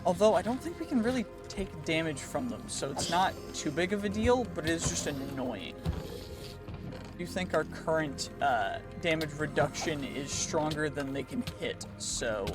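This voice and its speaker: A man giving casual commentary over his own gameplay, chatty and thinking aloud with quick reactions. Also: on the high side, expressive. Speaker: gaming channel host. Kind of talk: casual let's-play commentary. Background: clear background music.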